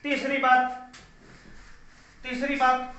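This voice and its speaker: A man's voice: very high-pitched, completely flat delivery, takes it slowly, bright, forceful tone. Man teaching in a very echoey room. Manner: asks and answers own questions, repeats key phrases. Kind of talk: classroom grammar lesson. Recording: very echoey room, dull lo-fi sound.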